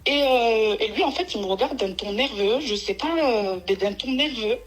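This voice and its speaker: A woman's voice: a little high, normal speed, poor audio. A woman phoning in to tell a long personal story, rambling and emotional, with many restarts. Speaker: caller. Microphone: phone.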